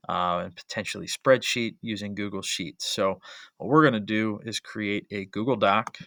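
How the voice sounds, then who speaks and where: Man narrating a screen recording, crisp and dry. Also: on the low side, bright, forceful tone, dry recording. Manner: methodical step-by-step explaining, frequent uh and um fillers. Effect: screen-recording voice-over. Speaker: history teacher.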